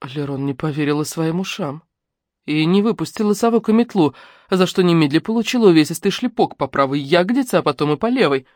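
A woman narrating a novel in a measured, even reading voice. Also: low voice, no room sound, studio quality. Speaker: audiobook narrator. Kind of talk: scripted narration.

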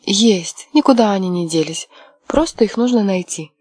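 A woman voicing a headstrong, quick-tempered young wife in an audiobook, sharp and mocking. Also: medium pitch, animated, husky, dry recording, studio quality. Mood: resolute. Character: fiery defiant young wife, headstrong and scheming. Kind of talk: audiobook character voice.

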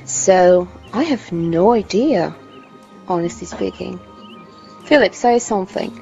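Polish-accented woman, podcast co-host, gravelly and self-mocking, muffled lo-fi recording. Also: medium pitch, animated, takes it slowly, a little mellow, soft background music. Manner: laughing, joking, self-deprecating. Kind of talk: casual chat.

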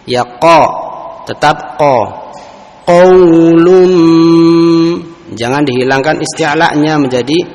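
A man teaching Quran recitation rules, explaining each point and then chanting example phrases slowly for students to repeat. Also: mid-range voice. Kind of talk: tajwid lesson with recited examples. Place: large mosque hall. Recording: echoey mosque hall sound.

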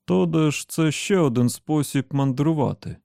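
An eager young man with a raised, urgent voice, put on by an audiobook narrator. His tone stays mellow and close on a dry recording. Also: a little high, moderate pace, gravelly, no room sound, voice pushed up. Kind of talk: audiobook character voice.

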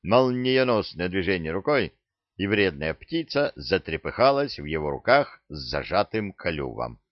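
A man narrating an audiobook in an unhurried, expressive reading. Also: low voice, no echo. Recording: dull lo-fi dry recording.

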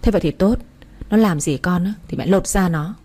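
A woman voicing a sharp-tongued older mother-in-law in a story reading, quick and mocking. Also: lowish voice.

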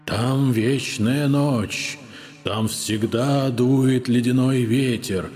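A man voicing a vengeful, mournful male ghost who moans slowly in a booming, hushed, menacing voice. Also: fairly even intonation, faint music behind. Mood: moaning, menacing. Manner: moaning sepulchral voice, slow and drawn out.

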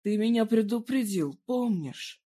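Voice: medium pitch, expressive, a little slow, warm tone, slightly rough. A reader voicing a bruised young man who answers with wry, easygoing humour in a story reading. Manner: wry, laid-back.

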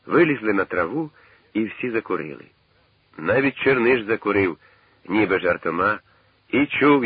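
A man narrating a novel in a measured, dramatic literary reading. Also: deep voice, husky, no room sound. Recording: tinny old radio broadcast.

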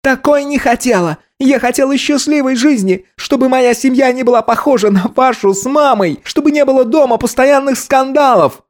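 A man's voice: extremely high pitch, moderate pace, hardly any pauses, pitched above the performer's own voice. A man voicing a furious grown daughter in an audiobook, screaming bitter accusations. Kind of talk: audiobook character voice.

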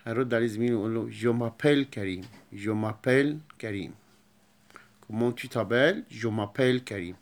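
A man with an Egyptian Arabic accent explaining a beginner lesson, repeating each word slowly and clearly for his pupils. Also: medium pitch. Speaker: French teacher.

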